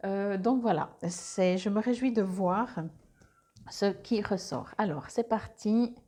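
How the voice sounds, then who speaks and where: A woman's voice: mid-range voice, slow pace, mellow. A woman doing a casual monthly card reading on a clip-on mic, hesitant, with many fillers and restarts. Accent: Swiss French. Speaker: tarot card reader.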